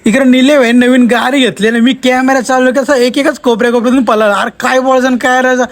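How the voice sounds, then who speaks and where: A man's voice: very high voice, steady tone, fast talker. A man giving comic voice-over commentary on his vlog, teasing his friends in a mock-amazed tone. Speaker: vlogger.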